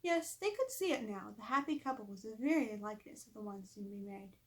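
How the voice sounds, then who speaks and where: An author reads her own children's book aloud with lively expression, breaking off now and then for chatty remarks to her listeners. Her voice is medium in pitch, animated and fast.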